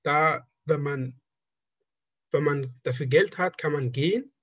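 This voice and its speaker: Relaxed yet halting, a draftsman in his twenties from Afghanistan, whose first language is Persian (Dari), keeps restarting phrases while answering casual interview questions. He has a fairly high, somewhat husky voice, captured in dry, slightly muffled sound.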